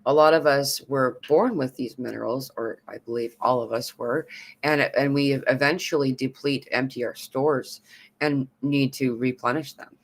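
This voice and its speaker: Live-stream host, casual and chatty, greets viewers, lively swings in pitch, loose filler-heavy delivery. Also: moderate pace. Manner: chatty, greets viewers and reads comments aloud. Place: New York City.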